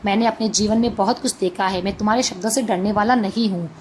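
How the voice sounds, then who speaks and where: A greedy male merchant, full of himself and used to giving orders, as a woman reading a storybook tale puts him on. The voice stays close to an everyday middle pitch. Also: fairly even intonation, quick pace, a little mellow, slight background noise, natural voice. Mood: boastful. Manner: boastful, commanding.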